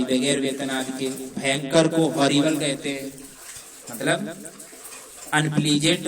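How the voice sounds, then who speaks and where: A man teaching English vocabulary in a coaching class, dictating spellings slowly and deliberately. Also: fairly high pitch, a bit bright. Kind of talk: vocabulary lesson, spelling words letter by letter. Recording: roomy echo from far off mic.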